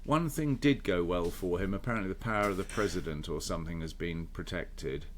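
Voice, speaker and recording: A man's voice: deep voice, fairly quick, a little hiss or hum. A man co-hosting a podcast in casual chat, rambling and hesitant as he hunts for words. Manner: rambling, hesitant, full of ums and restarts. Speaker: podcast co-host.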